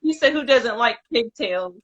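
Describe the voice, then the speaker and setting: A woman hosts a live show, reading viewer comments in a relaxed, easygoing way. Her voice is a little high, and she laughs often. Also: normal speed, breathy edge, dull audio. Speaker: podcast host.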